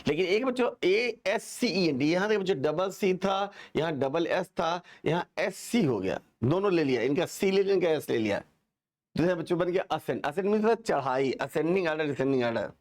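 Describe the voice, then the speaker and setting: A male teacher giving a lively, joking classroom lesson, quizzing students and having them repeat words. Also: fairly high pitch, moderate pace.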